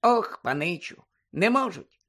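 Dobby, a man doing a squeaky eager house-elf. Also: big pitch swings, measured pace, fairly bright tone, husky, exaggerated voice. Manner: talks of himself in third person, keeps saying "sir". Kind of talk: audiobook character voice.

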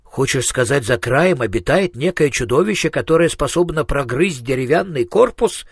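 A man's voice: mid-range voice, animated, moderate pace, vocal fry, breathy edge, no room sound, clean studio sound. A man voicing a curt, skeptical male scholar with a dismissive manner.

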